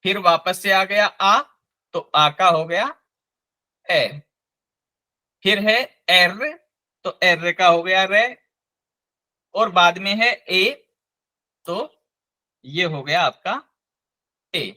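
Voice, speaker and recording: A man teaching a live online language class, slowly and patiently spelling out each sound. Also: sits high, bright, forceful tone.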